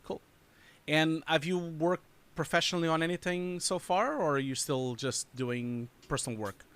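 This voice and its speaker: A man's voice: a little high, moderate pace, a bit bright. A man hosting a live stream, chatting casually and rambling, laughing often. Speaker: host reviewing showreels. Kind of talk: casual livestream chat.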